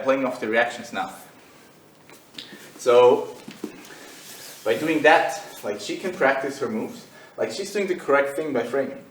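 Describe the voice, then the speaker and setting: A man's voice: mid-range voice, far from the mic, a little hiss or hum. Laid-back man coaching in an echoey gym. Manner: loose and conversational, many fillers. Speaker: jiu-jitsu instructor. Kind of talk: casual instructional demo.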